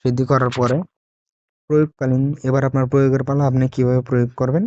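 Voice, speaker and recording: A man speaks straight to his viewers with a boastful, salesman-like push, circling back over the same phrases again and again. His voice is mellow and dark. The recording is dry and dull. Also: medium pitch, level tone, very fast, dry recording. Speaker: self-styled tantric teacher. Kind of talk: casual spoken video talk to viewers.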